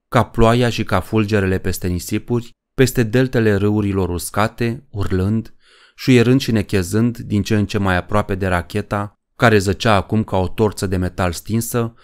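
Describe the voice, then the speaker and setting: A man narrating a horror story in a measured, dramatic way. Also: lowish voice, a little mellow, clear, resonant tone. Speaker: audiobook narrator.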